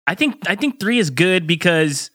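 A man's voice: high-pitched, very animated, normal speed, bright, forceful tone, dry recording, studio quality. A man co-hosting a podcast in casual, rambling chat, full of "like" fillers. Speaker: podcast co-host.

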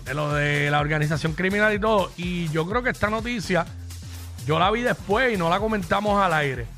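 A man with a Puerto Rican accent co-hosting a radio show, chatting and reading news in a lively, joking way. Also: high-pitched, a little fast, soft background music. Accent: Puerto Rican Spanish. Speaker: radio co-host. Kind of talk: casual radio chat and news.

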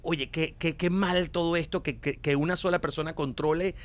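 A man, a comedian guest telling stories in casual chat, animated and laughing often. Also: fairly high pitch, normal speed.

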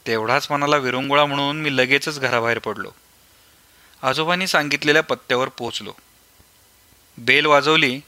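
Male audiobook narrator, measured and reflective, bright, dry. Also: mid-range voice, no room sound. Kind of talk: scripted storybook narration.

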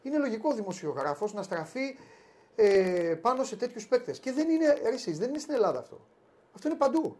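A man's voice: very high voice, big pitch swings, darkish tone. A man hosting a casual sports talk show, teasing and playful in banter.

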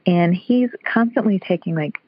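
A woman calling in over the phone, her voice husky and a little breathy. The line sounds dull and muffled. She speaks hesitantly and fills her pauses with "um". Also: lowish voice, dry recording. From Chicago area. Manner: hesitant, with many fillers. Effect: heard over the phone. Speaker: caller. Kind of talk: call-in question to a host.

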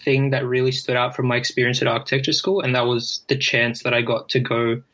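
Podcast guest: young man, reflective and halting in casual conversation. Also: mid-range voice, flat delivery, sharp tone. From Brisbane, Australia. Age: 20s. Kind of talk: casual interview chat.

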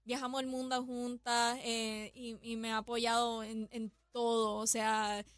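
Woman in her 30s, radio guest, bright highish voice, stops and restarts a lot. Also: little pitch movement, measured pace, clear, resonant tone, no echo, studio quality. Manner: thoughtful, with many restarts and fillers. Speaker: guest athlete. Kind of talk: radio interview chat.

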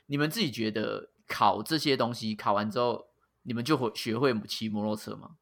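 A man's voice: lowish voice, fairly quick, creaky, a bit bright. A man with a Taiwanese accent chatting casually as a host, with a teasing, sarcastic manner and crude slang. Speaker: podcast host. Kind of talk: casual chat.

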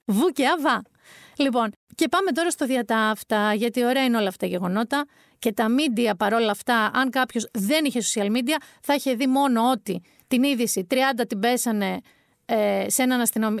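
A woman delivers political commentary in a vlog, her voice pitched a little high and recorded close and dry. She is sarcastic and emphatic, and she hammers her points by repeating them. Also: no echo.

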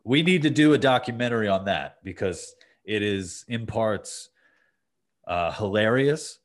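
A man with a very low voice hosts a laid-back podcast conversation. He talks in loose, rambling stretches, full of restarts and filler phrases as he thinks aloud. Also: animated, unhurried. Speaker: podcast host. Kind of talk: casual conversational interview.

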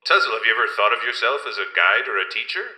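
A man as a halting, earnest professor. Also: mid-range voice, lively intonation, bright, forceful tone, echoey room, poor audio. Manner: hesitant, many "uh"s, earnest. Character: fussy, kindly space-station professor running an experiment. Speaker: host. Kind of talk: improvised comedy podcast.

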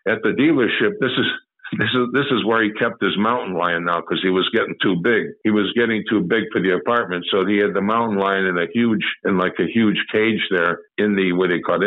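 A man telling a first-person story in a rambling way, often repeating and restarting his sentences. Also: low voice. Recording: tinny phone-like audio.

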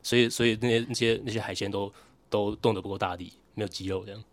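Young male podcast co-host, Taiwanese Mandarin accent, slightly low pitch, quick casual delivery with wry humor. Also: fairly even intonation, no room sound. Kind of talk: casual chat.

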